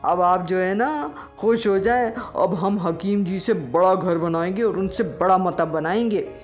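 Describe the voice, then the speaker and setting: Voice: mid-range voice, soft background music, lightly acted. A performer voicing a naive young man who brags that he has become a healer, in a comic audio story. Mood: boastful. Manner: bragging, self-important.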